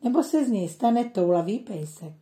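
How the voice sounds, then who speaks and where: A woman voicing a kindly old grandfather in a storybook reading, gentle and teaching. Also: medium pitch, animated, roomy sound, natural voice. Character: kindly old grandfather telling children stories.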